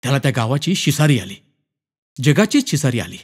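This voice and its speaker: A man narrating a short story in an expressive, dramatic reading. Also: mid-range voice, fairly quick, husky. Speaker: story reader. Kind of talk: scripted narration.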